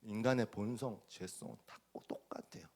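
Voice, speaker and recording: A man preaching a sermon as pastor, dramatic, acting out voices and swinging from loud bursts to near whispers. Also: fairly low pitch, normal speed.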